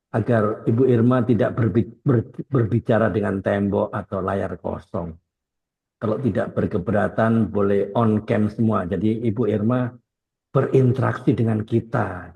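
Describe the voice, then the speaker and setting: A man's voice: fairly low pitch, creaky, poor audio. A man hosting an online meeting on a video call, politely asking the audience to switch on their cameras. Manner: polite, gently coaxing the audience. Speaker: host of an online prayer meeting.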